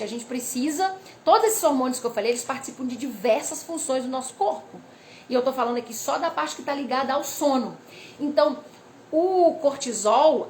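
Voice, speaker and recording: High-voiced woman explaining hormones. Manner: lively, reads notes, frequent "né?" and "tá?" asides. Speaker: weight-loss educator. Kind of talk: casual explanatory talk to camera. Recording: faint background noise.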